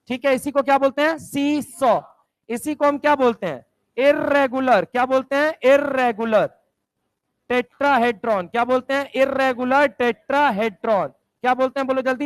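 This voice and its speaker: High-voiced man drilling a chemistry class. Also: no room sound. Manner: drills students with repeated questions. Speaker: chemistry teacher. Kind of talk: classroom lecture.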